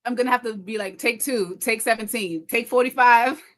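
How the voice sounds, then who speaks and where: Hosting a casual livestream, a woman content creator reads out viewer comments and chats about them. Her fairly high voice runs fast, stumbling and frequently repeating phrases.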